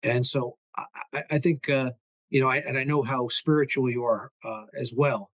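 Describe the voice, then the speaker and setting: A man's voice: mid-range voice, steady tone, moderate pace, fairly bright tone, dry recording. A man hosting a podcast interview, rambling and casual, with many restarts. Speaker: podcast host.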